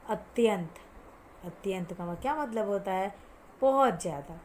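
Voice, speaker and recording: Here a woman leads children through Hindi vocabulary, answering her own questions, blending in English words, and slowly drawing out hard words for the class to repeat. Her mid-range voice is expressive and darkish in tone, with slight background noise.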